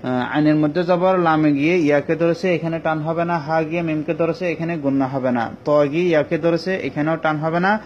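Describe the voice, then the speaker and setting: Man teaching, slightly high, dull audio. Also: fairly even intonation. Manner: patient, step-by-step explaining with many pauses. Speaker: Quran recitation teacher. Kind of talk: online tajweed lesson. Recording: dull lo-fi recording with faint ambient noise.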